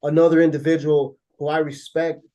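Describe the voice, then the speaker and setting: A man's voice: on the high side, flat delivery, a little fast, warm tone. A laid-back man from Chicago, a guest in a casual interview, who keeps dropping "man" and "bro".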